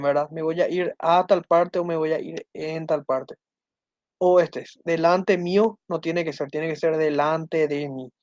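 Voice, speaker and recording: A man teaching an online grammar lesson. He slows down to read out correct and incorrect phrases and keeps asking his listeners whether they follow. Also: fairly high pitch, a little mellow, no room sound, dull audio. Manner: often checks in with listeners, asking ¿verdad?.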